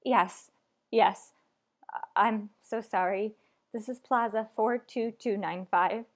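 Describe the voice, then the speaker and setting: A woman plays a frantic, demanding married woman in a retro radio thriller style, overwrought and melodramatic. She sounds shaken and speaks slowly at medium pitch.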